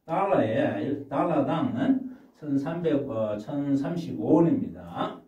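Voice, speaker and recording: Slow, lively man teaching English. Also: medium pitch. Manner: reads English phrases very slowly, then explains in Korean. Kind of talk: slow classroom lesson. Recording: muffled, echoey from far off.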